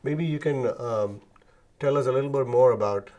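A middle-aged man hosting a formal interview in a studio, introducing his guest and asking questions in a measured way. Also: medium pitch, dark tone. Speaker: interviewer, program director. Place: dark studio set, seated. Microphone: lapel mic.

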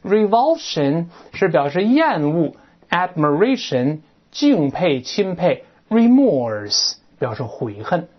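Woman, English teacher, textbook lesson, chatty rhetorical asides, lively pitch, dull lo-fi sound. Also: takes it slowly. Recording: dull lo-fi recording.

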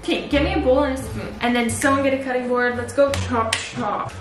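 A woman in her twenties chatting and bantering casually, blunt and animated, a little way from the camera in a home kitchen. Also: on the high side, brisk. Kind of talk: casual banter while baking with sisters. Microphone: camera a few feet away. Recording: roomy kitchen sound with music behind.

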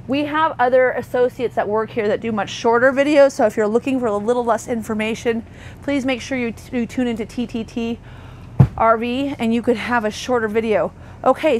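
A woman, an RV sales associate, giving a thorough walkthrough tour inside a parked motorhome, talking chattily with fillers and self-corrections. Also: a little high. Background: faint hum of air conditioning.

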